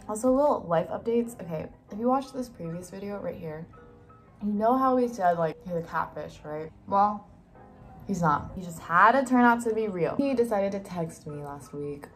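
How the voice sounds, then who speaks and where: A young college-age woman chatting casually to camera in a wry, self-mocking way. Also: on the low side. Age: young adult, college student. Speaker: student vlogger. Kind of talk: casual vlog chat to camera. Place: dorm room, indoors.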